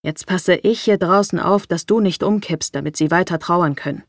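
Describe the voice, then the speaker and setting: A woman's voice: lowish voice, normal speed, dry recording, clean studio sound. A woman voicing a curt, arrogant young man who lectures in a cold, clipped way in a storybook reading. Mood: lecturing.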